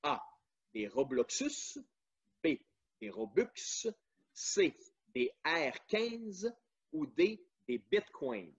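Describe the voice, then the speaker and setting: Slow, lively quiz host with husky voice. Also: male voice, fairly high pitch. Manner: reads questions and answer choices slowly. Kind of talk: family quiz presentation. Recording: dull lo-fi sound.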